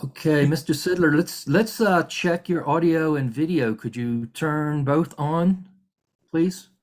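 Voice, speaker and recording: Man, hearing examiner, video call, methodical, polite, halting with fillers. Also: a little high. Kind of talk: formal virtual hearing proceedings.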